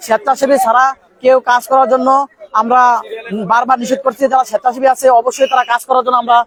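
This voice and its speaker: A man's voice: very high voice, level tone, fast, fairly bright tone. A man reporting live from a flood scene outdoors, giving urgent, repetitive appeals and warnings. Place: outdoors among a crowd at a riverbank. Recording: outdoor field recording with crowd noise.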